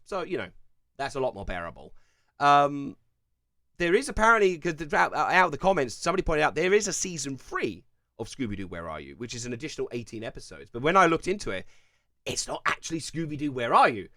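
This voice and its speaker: A man's voice: mid-range voice, big pitch swings, brisk, pushed and bright, dry recording, studio quality. A young man with an English accent from Kent, chatting casually on a live stream as he reads and answers viewer questions, rambling with plenty of fillers and restarts. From England.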